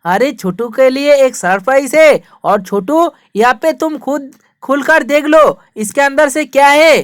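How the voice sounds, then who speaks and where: A woman's voice: sits high, a little slow, no echo, studio quality. A woman hosting a toy play video for kids as the big brother, scolding and then showy and upbeat.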